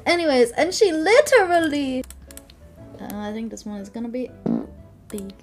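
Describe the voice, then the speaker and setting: Giggly high-voiced woman streamer. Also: very animated, moderate pace, soft background music. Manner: giggly, apologetic, rambling. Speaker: vtuber streamer. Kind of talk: casual live-stream chat.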